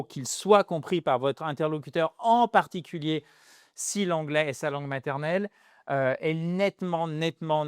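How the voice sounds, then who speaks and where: A man teaching English grammar in French, lively and self-deprecating, drilling pronunciation by repeating words. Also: on the high side, no room sound, clean studio sound. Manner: lively, self-deprecating, jokes about being a pain.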